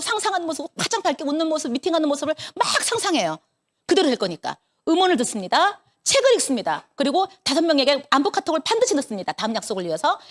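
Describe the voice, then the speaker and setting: Woman, 50s, Busan-area Korean accent, high and animated motivational speaker with a quick tempo. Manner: animated storyteller acting out dialogue. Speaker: network marketing business leader. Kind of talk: motivational talk to an audience.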